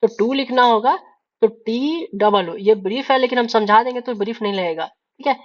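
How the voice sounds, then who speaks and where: A woman's voice: a little high, a little fast. A woman teaching shorthand in a casual tutorial, explaining step by step and often saying "ठीक है". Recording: slightly dull lo-fi audio.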